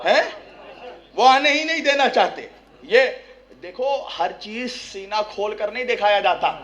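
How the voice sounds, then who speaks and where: A man giving an impassioned religious speech at a mourning gathering, speaking straight to his listeners, firing rhetorical questions with a repeated "hain?" and rising to shouts at the peaks. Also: sits high. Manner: rises to shouting at climaxes; speaks directly to the audience.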